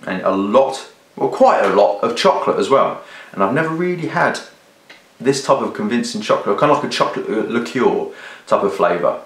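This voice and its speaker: A man's voice: mid-range voice, animated, fairly quick. A British man giving a casual, rambling product review to camera, hesitating and often rephrasing as he goes. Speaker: video reviewer. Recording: roomy, echoey sound.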